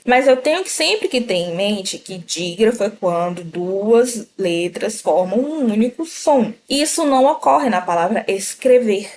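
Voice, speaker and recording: A woman teaching a Portuguese grammar lesson, slowly pronouncing example words and speaking directly to the viewer. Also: mid-range voice, a little hiss or hum. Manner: slow, deliberate pronunciation of example words; explanatory, addresses viewer directly.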